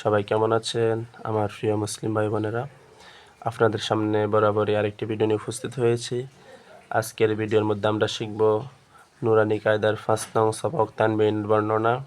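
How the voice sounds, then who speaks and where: Male Quran reading teacher, steady flat delivery, slow and patient drilling. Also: lowish voice, clear, resonant tone. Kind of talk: step-by-step recitation lesson.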